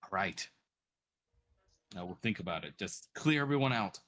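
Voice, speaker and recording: A self-conscious woman in a tabletop game, acted out by a man, grumbling from hiding. The voice sits low with a bright, forceful edge. The delivery is guarded and sardonic. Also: lively intonation, normal speed, slight background noise. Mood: sardonic, grudging.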